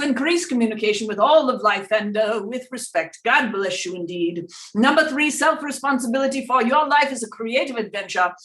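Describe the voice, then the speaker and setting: Woman as seance medium voicing an exalted, loud male spirit doctor. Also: on the high side, voice pushed up, lightly acted. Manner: declamatory, preacherly, archaic formal phrasing. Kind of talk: seance medium channeling a spirit, formal benediction. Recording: roomy, distant microphone on internet call.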